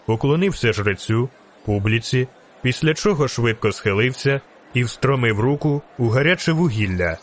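A man reading a fantasy novel aloud in steady storytelling narration. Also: medium pitch. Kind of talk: audiobook narration.

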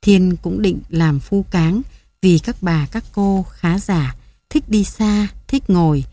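A woman narrating a story in a calm, steady reading voice. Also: on the low side, slow, no room sound.

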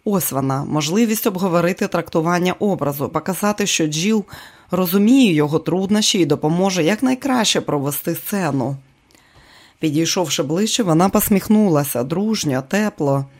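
A steady audiobook narrator reads the story in an even, measured voice. The delivery stays calm and clear, with a middle pitch.

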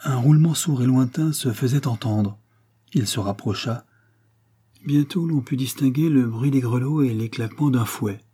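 A man with a husky voice reading a novel aloud in a measured storytelling manner. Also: medium pitch, warm tone. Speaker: audiobook reader. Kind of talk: scripted narration of a novel.

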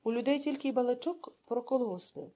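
A woman's voice: on the high side, brisk, dark tone, lightly acted. A woman voicing a restless, eager male village communist and war veteran who answers in a hurry. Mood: earnest.

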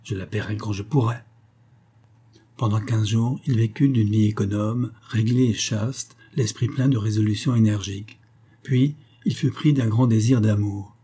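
Husky-voiced man narrating a novel. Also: fairly low pitch. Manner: steady, measured storytelling. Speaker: audiobook narrator.

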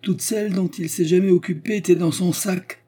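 A man's voice: on the high side, normal speed, warm tone, husky, voice pushed up. A man voicing a proud, easily outraged baroness who exclaims shrilly. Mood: scornful.

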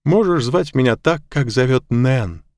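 A man's voice: medium pitch, expressive, a little slow, a little mellow, no echo, voice pushed up. A man voicing a cheerful, playful motherly woman who works as housekeeper and cook in an audiobook. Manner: playful, laughing.

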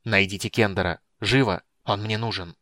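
A man voicing a frail, stern young male mage in an audiobook, with a hoarse, hissing delivery. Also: on the low side, steady tone, normal speed, bright, forceful tone, dry recording. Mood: urgent.

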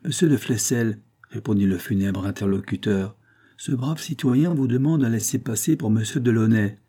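A man's voice: normal speed, mellow, close to an everyday voice. A man doing a grim, growling doctor. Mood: menacing. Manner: low and rumbling, ominous. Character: grim, menacing male doctor with a hollow growl. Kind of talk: audiobook character reading.

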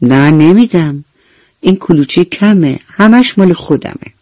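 A woman's voice: lowish voice, lively intonation, darkish tone, no echo, lo-fi sound. A woman voicing a selfish little male beetle in a children's radio bedtime story, speaking in a raised, pleading tone. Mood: stubborn.

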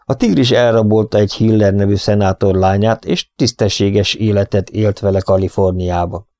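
A man's voice: lowish voice, steady tone, a little mellow, no echo, clean studio sound, lightly acted. A man reading an audiobook, voicing a stern, impatient male prison governor who speaks brusquely. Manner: brusque and commanding.

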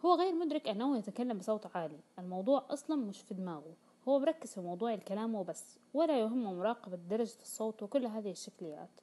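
A woman's voice: mid-range voice, expressive, racing, mellow. A woman reading a self-help audiobook aloud, explaining points and quoting everyday dialogue in colloquial speech. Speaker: audiobook reader.

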